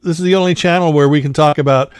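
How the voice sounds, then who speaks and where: A man hosting a casual chat, talking quickly and eagerly about music he loves. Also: fairly high pitch, fairly even intonation, clear, resonant tone, no echo, studio quality. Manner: quick, enthusiastic music-fan talk.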